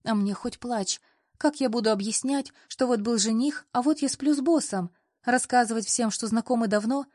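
A woman's voice: on the high side, moderate pace, a little mellow, dry recording, clean studio sound, lightly acted. A woman reading the lines of a young heroine who is embarrassed and complains in a whining, exclamatory way. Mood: flustered whining. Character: flustered young woman, whiny and easily embarrassed.

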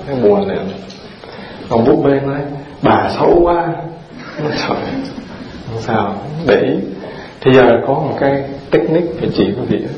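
A man, a Buddhist monk giving a dharma talk, firing rhetorical questions at his audience in a folksy, humorous way. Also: mid-range voice. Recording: roomy dull hall recording with audience present.

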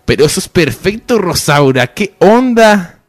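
A man's voice: high voice, sing-song, unhurried, soft background music, exaggerated voice. A man playing a reassuring, colloquial young best friend, in radio soap opera acting. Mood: earnest.

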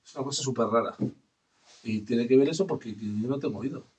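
A man's voice: mid-range voice, brisk, darkish tone, slightly rough, distant mic. A man from northern Spain with a Basque accent, hosting a community radio show and telling a rambling, self-deprecating story. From northern Spain, Basque region. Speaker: radio host. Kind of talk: casual radio chat.

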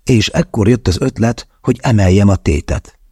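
A male audiobook narrator with a low, husky voice tells the story in first person, wry and confessional. The tone is dark and mellow, with no breathiness lost to the room. It is recorded dry and close. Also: dry recording.

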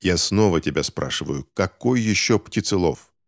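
A man reading a calm, measured doctor. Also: low-pitched, dry recording, studio quality. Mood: calm, reasoning. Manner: measured, reasoning, persuasive. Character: calm, patient adult male doctor. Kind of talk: audiobook character voice.

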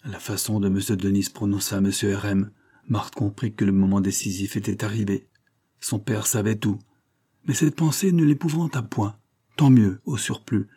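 A man reading a classic novel aloud as an audiobook narrator, in a steady, measured way. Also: on the low side, slightly rough. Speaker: audiobook reader. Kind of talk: scripted literary narration.

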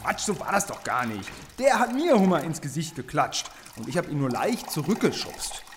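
A man's voice: fairly high pitch, very animated, slight background noise. An actor playing a nervous, earnest man who wants to be a superhero, in a radio drama. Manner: nervous, hurried. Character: flustered would-be superhero man, anxious and earnest.

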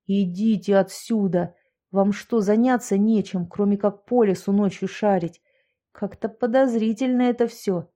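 A woman's voice: mid-range voice, unhurried, dark tone, close to an everyday voice. A woman voicing a stern, curt man who chases people out of the woods. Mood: hostile. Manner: curt, hostile.

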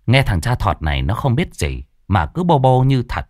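Lively storyteller man. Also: mid-range voice, normal speed, no room sound, clean studio sound. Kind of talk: comic ghost story narration.

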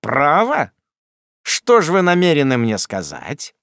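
A brash young manservant with a quick, mocking tongue, as a man reading aloud puts him on, bellowing threats in a high, lively voice that swings all over. Dry, close storybook recording. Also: no room sound, full character voice. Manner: loud, mocking, threatening shouts.

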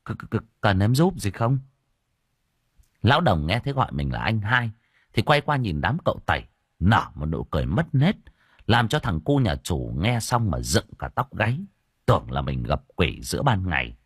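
A man narrates an audiobook story with expressive, animated phrasing. His voice is lowish and husky, and it is recorded dry and close. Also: normal speed, no echo. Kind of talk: scripted narration.

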